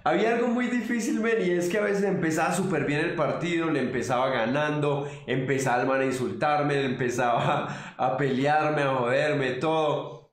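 A man's voice: a little high, normal speed, few pauses, reverberant. A man, chatting casually as he reminisces about his old gaming videos and laughs often. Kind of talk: casual chat.

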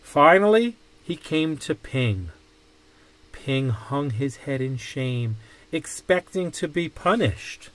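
A man reading a children's picture book aloud with deliberate, dramatic phrasing. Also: fairly high pitch, sing-song, a bit bright. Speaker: storybook reader.

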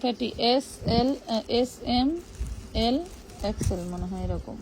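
A woman's voice: a little high, measured pace, gravelly, noisy background. A woman with a Bangladeshi Bengali accent, co-hosting a live clothing sale and admiring the dresses aloud. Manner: admiring exclamations over the dresses. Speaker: online clothing seller. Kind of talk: live sales pitch.

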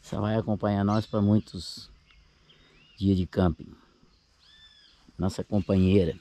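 Out on a grassy campsite by a lake, a Brazilian-accented camping vlogger in his sixties talks through a relaxed video. His mellow voice sits on the low side, with fairly even intonation and an unhurried pace.

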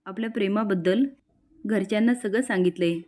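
A woman's voice: mid-range voice, brisk, a little mellow, natural voice. A woman doing a tender young man in love.

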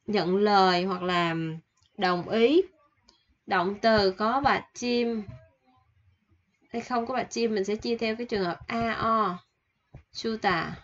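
A woman with a fairly high voice teaches vocabulary. She says each word and example sentence twice, then explains it slowly and patiently. The recording sounds slightly dull and lo-fi.

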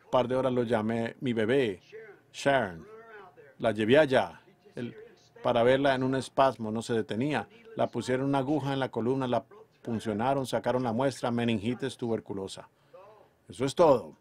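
A man preaching a sermon, emphatic, moving between loud declarations and hushed storytelling. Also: medium pitch, moderate pace. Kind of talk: fervent sermon delivery.

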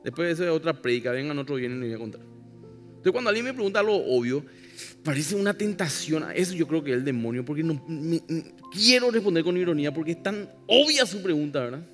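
A man's voice: fairly high pitch, lively intonation, fast, a bit bright. A male pastor preaching a sermon emphatically, with wry irony and asides to the congregation. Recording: live church hall with long reverb, faint music.

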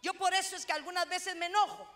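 A middle-aged woman pastor from Honduras, preaching a sermon in a loud, animated way with self-mocking humor. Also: very high voice, fast talker.

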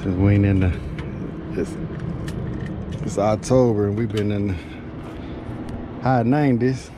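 Technician over loud rooftop machinery. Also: male voice, lowish voice, unhurried. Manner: relaxed, talks while working with his hands. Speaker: HVAC technician. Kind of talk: casual work narration. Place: outdoors on a commercial rooftop. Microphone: head-mounted action camera. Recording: loud machinery and wind noise. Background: loud rooftop AC unit and wind.

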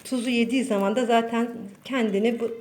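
A woman's voice: a little high, steady tone, a little fast, a little mellow. A woman hosting a casual home cooking tutorial, chatting to her viewers as friends while she works. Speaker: cooking channel host. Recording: roomy echo, faint background noise.

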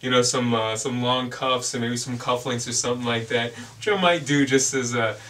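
Earnest young man vlogging, bright voice. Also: medium pitch, fairly even intonation, normal speed, distant mic. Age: young adult. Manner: rambling, earnest, many fillers and restarts. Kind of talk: casual reflective vlog.

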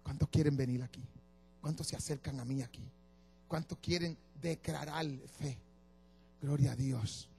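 A man's voice: a little high, fairly even intonation, normal speed, vocal fry, dark tone, faint music behind. A man preaching a sermon, exhorting his congregation and leading them in call-and-response.

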